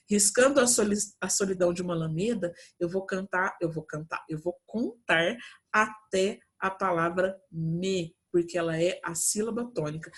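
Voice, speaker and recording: A Brazilian woman teacher talks her students through a lesson from her home. She explains patiently and step by step, often pausing to check that they follow. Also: mid-range voice. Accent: Brazilian Portuguese. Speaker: Portuguese teacher. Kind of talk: remote class from home.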